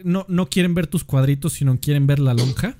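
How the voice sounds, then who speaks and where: A man's voice: a little high, fairly quick, dark tone. A man with a Mexican Spanish accent co-hosting a casual podcast chat. He cracks crude, mocking jokes. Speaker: podcast co-host.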